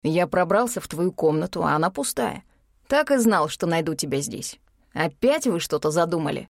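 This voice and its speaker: A woman voicing a stern young male dragon who speaks in a low, measured way, in an audiobook. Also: lively intonation, gravelly, no room sound, clean studio sound. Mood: teasing reproach.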